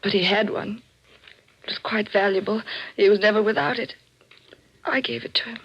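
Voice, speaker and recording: A woman's voice: mid-range voice, fairly even intonation, normal speed, fairly bright tone, breathy edge. An actress playing a proud, frightened married woman in an old-time radio thriller, with refined, theatrical diction. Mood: shaken, pleading. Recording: muffled, noisy old radio drama recording.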